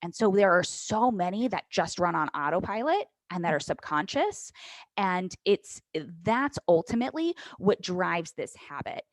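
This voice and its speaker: An earnest woman fitness coach talks through habits as a podcast guest. Her voice sits low, and the sound is dry and close with no room around it. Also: sing-song, moderate pace, dry recording, low-quality recording. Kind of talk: podcast interview.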